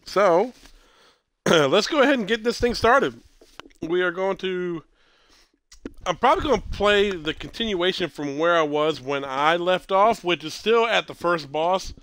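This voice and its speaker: A man in his thirties hosts a casual gameplay stream while stuffy with a cold, clearing his throat as he goes. His voice is high, animated and fairly bright, and he rambles unhurriedly, correcting himself along the way.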